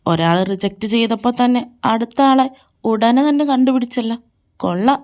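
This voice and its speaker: A woman's voice: a little mellow, close to an everyday voice. A woman voicing a jealous, possessive young man in a fan audio drama, taunting and domineering. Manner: taunting, domineering, slow and low. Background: faint background music.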